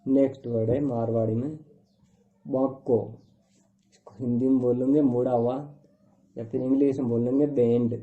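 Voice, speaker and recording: A man's voice: mid-range voice, flat delivery. A man teaching a vocabulary lesson word by word, giving each word's meaning in plain, repetitive phrases. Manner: slow, repetitive listing of words with translations. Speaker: language teacher. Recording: tinny phone-like recording.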